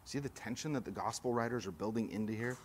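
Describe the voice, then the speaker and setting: A man from California preaching a sermon, moving between loud, emphatic lines and quiet, low asides, and acting out accusers' voices. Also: quick pace, slight background noise. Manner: acts out accusers' lines with raised voice. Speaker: pastor.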